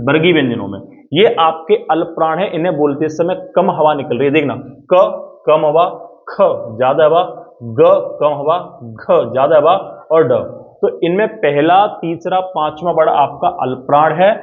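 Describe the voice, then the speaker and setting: A man with a fairly high voice gives an exam-prep grammar lesson at a board. He explains step by step and keeps asking whether his students follow. The sound is thin and tinny, like a phone line. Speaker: Hindi teacher.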